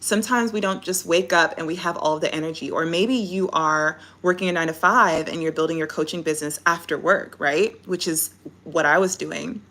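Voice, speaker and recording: Lower-pitched woman, encouraging life coach. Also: brisk, a bit bright. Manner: encouraging, instructive life-coach delivery with check-in tags. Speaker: life coach hosting a live stream. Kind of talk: live coaching talk to an online audience.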